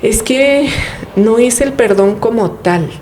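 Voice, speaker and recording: A woman's voice: fairly high pitch, lively intonation, slow pace, mellow, slight background noise. A woman, a guest in an interview, explaining family dynamics in a reflective way, often posing rhetorical questions. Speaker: guest speaking on family therapy. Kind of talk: conversational interview.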